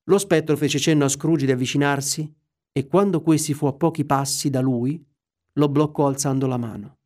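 A male narrator reads a storybook tale in a measured, expressive voice. His pitch sits a little above average for a man.

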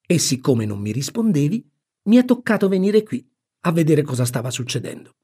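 Storybook aunt, played by a man: stern, furious, commanding, husky, with lively pitch swings. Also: moderate pace, full character voice. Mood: reproachful. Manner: commanding, reproachful.

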